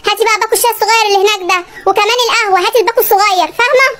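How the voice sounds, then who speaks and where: In a comedy sketch, a comic performer with an extremely high, steady, fairly bright voice plays a stingy, nagging husband with an Egyptian Arabic accent. He scolds and haggles fast over every kilo, with slight background noise behind him.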